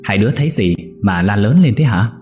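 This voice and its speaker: A man's voice: on the low side, animated, a little fast, darkish tone, soft background music, lightly acted. A man voicing an old village man, urgent and fatherly.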